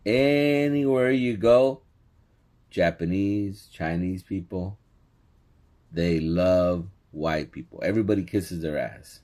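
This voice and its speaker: A man's voice: low-pitched, slow. A man teaching scripture in casual commentary, laughing often and checking in with "okay?". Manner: laughs often, animated, says "okay?" a lot. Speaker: religious teacher commenting on a clip.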